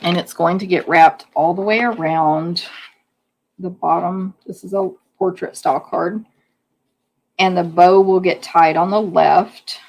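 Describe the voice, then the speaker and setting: Woman craft instructor, hoarse and gravelly, chatty hands-on demo delivery. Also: lowish voice, steady tone, measured pace, a little mellow. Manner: chatty, hands-on explaining while working. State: losing her voice. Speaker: card-making instructor. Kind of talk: live craft demonstration.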